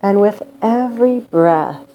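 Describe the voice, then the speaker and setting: A woman leading a guided meditation in a calm, gentle, soothing manner with long pauses. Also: mid-range voice, muffled recording.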